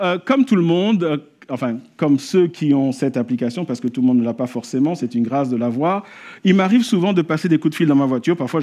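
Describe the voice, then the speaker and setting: A man preaching a sermon at a church service, telling a story and rising to animated exclamations. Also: on the high side. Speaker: pastor.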